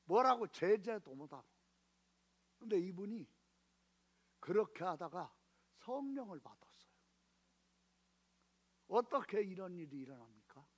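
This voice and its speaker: A man's voice: sits high, measured pace, pauses often, breathy edge. A man preaching a Sunday sermon in a church, telling a story and calling for answers from the congregation. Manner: storytelling with animated swings from hushed to shouted; call-and-response with the congregation. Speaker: pastor. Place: church sanctuary.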